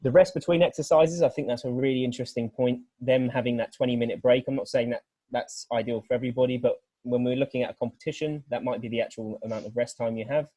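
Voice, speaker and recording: A man's voice: mid-range voice, fairly even intonation, fast talker, mellow, dry recording. Earnest man explaining on a video call. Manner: earnest, rambling explanation with many restarts. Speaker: weightlifting coach, guest speaker.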